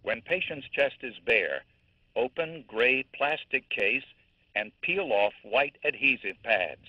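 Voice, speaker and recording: Man as calm medical device voice, slow clipped commands, measured, dull dry lo-fi sound. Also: mid-range voice, breathy edge, no room sound. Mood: calm, instructive. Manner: measured, imperative, clipped sentences. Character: calm, clear talking defibrillator giving rescue instructions. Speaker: defibrillator voice prompt. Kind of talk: spoken device instructions.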